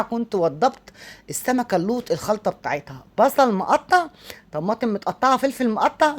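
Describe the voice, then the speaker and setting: A woman's voice: mid-range voice, darkish tone. A woman with an Egyptian accent hosting a cooking tutorial, chatty and exclaiming often as she talks viewers through a recipe. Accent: Egyptian Arabic. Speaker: cooking show host.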